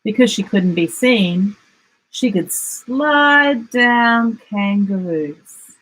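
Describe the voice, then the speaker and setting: Husky, unhurried Australian woman storyteller. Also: mid-range voice, poor audio. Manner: expressive, deliberate dramatic emphasis. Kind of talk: children's picture book read-aloud.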